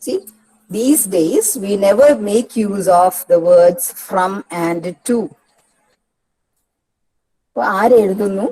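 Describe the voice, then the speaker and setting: Malayali woman, English tutor; unhurried, low-pitched, patient step-by-step explainer. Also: warm tone, low-quality recording. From Kerala, India. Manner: explains step by step, repeats key words slowly. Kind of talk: exam-prep lecture mixing Malayalam and English.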